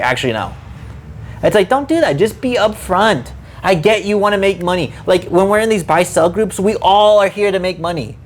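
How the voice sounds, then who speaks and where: A man co-hosting a casual podcast, ranting in an exasperated, animated way. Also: on the high side. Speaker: card shop co-host.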